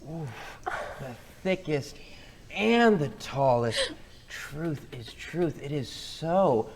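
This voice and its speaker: A man's voice: on the high side, very animated, extremely slow, background noise, full character voice. A man playing a simple, cheerful and cheeky rustic clown in a Shakespearean stage comedy. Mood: cheeky, eager. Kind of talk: comic Shakespearean stage acting.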